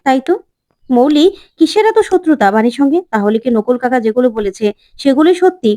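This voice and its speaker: A woman's voice: sits high, expressive, fast talker, warm tone. A woman voicing a worried, determined young man who pleads and searches for the truth in a retold serial. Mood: earnest worried. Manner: earnest, pleading.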